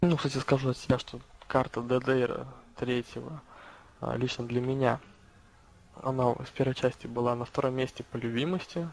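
Lisping man commentating, creaky voice. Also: medium pitch, fairly even intonation, normal speed, a little hiss or hum, low-quality recording. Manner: lisp, slushy sh for s. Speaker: esports match commentator. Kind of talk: casual live game commentary.

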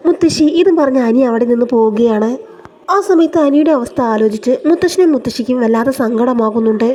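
A woman narrating a serial episode recap in a steady storytelling way. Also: on the high side, fast.

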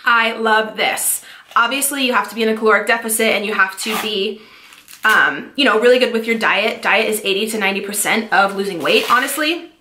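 Fast, chatty fitness vlogger woman. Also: mid-range voice, sharp tone, reverberant. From California. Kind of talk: casual product-review vlog.

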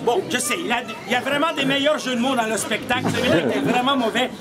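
A middle-aged street puppeteer with a very high-pitched, fast voice tells a comic story outdoors against a stone wall, projecting theatrically with mock drama and playful asides. A camera a few metres away records him, picking up a loud crowd and audience laughter.

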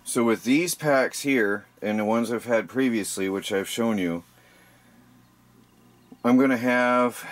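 A man hosting a do-it-yourself vlog, explaining things casually at his workshop bench, with frequent ums and restarts. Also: on the low side. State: tired. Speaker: DIY channel host. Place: indoor workshop bench by a window.

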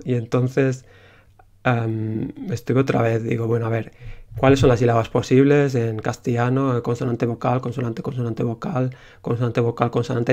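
A man's voice: mid-range voice, warm tone. A young man with a Spain Spanish accent, an indie game developer telling casually how he made his game, rambling with many fillers.

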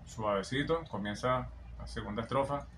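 A male vocal coach talks through a song in an admiring, explanatory manner, breaking down breath control and technique. A song with guitar plays loudly behind his voice. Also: medium pitch, normal speed. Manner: admiring, explanatory, often sings snippets back. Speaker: vocal coach analyzing a singer. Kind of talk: reaction and vocal analysis commentary. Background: song playing in the background.

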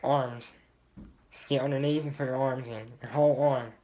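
A man's voice: medium pitch, fairly even intonation, normal speed, warm tone. A young man talks casually, like a vlogger addressing his viewers. He is recorded on a handheld phone in a small bathroom at home, with noise in the recording. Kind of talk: casual chat to camera.

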